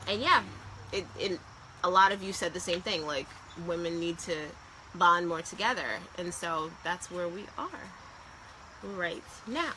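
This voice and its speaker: A woman's voice: on the low side, unhurried, pushed and bright, a little hiss or hum, rough recording. A woman born in Jamaica, co-hosting a casual live-stream chat, chatty and laughing often. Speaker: co-host.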